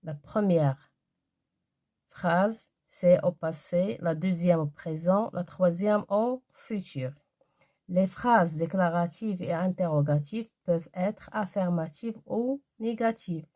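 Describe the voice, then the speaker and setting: A woman teaching a grammar lesson to young schoolchildren, reading example sentences slowly and carefully. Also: fairly low pitch, warm tone.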